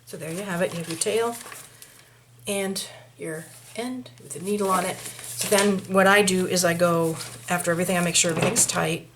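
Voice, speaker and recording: A woman's voice: fairly low pitch, fairly even intonation, moderate pace. A middle-aged woman with a Maine accent, chatting through each step of a hands-on craft tutorial and muttering asides to herself. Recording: noisy home recording with clicks.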